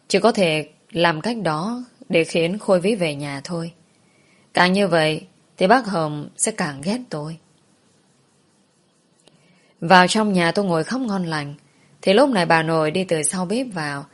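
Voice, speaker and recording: Woman narrating a story, lowish voice. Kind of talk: first-person story narration.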